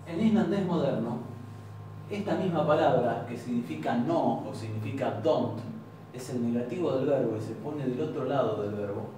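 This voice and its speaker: A man with an Argentine Spanish accent teaching an informal language class, explaining patiently and repeating example words slowly. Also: mid-range voice, dark tone. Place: university classroom. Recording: very echoey classroom, far from mic, faint noise.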